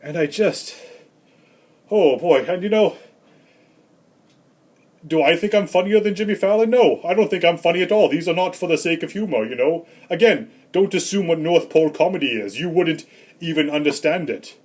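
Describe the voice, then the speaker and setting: A man playing a rambling, grumpy old Santa Claus in a comedic vlog monologue, with deadpan, self-important asides. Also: fairly high pitch, normal speed, breathy edge. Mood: grumbling. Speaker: comedy vlogger.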